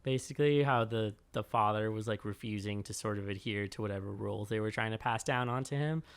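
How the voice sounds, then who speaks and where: A man co-hosting a podcast in casual chat, laid-back and quick to laugh. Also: on the low side, clean tone. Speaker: podcast co-host.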